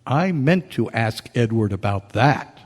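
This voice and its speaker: A man narrates and plays Colonel Bear, a kind listener consoling a ghost, in a staged radio drama performed at a live club meeting in a hall with long, echoing reverb. He speaks deliberately at medium pitch with lively intonation, sounding gentle and concerned.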